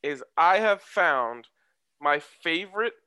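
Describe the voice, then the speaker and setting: A man's voice: a little high, animated, slow pace, bright, forceful tone, smooth, no echo. A man co-hosting a sports betting show, with casual banter and loosely delivered ad reads.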